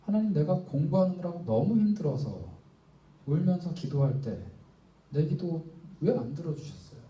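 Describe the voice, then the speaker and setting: A man's voice: a little high, big pitch swings, normal speed, recorded from a distance, lo-fi sound. A young adult man preaching to a church youth group, emphatic and full of rhetorical questions. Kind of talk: sermon. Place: church hall. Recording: roomy echo, voice heard from afar.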